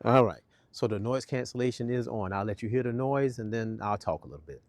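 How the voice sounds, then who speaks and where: A man's voice: medium pitch, brisk, darkish tone, dry recording. A man reviewing gear and thinking aloud as he demonstrates it, his voice processed by noise cancellation that leaves reduction artifacts. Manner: talks easily while demonstrating, thinking aloud. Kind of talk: casual product test. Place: outdoors in a neighborhood.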